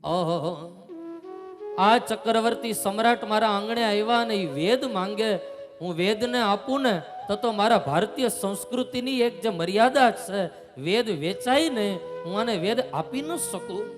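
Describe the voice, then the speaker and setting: A man's voice: sits high, lively intonation, a little slow. A man with a Saurashtra Gujarati accent voicing a humble, grieving old Brahmin priest in a storytelling sermon. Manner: humble, anguished. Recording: reverberant hall with music behind.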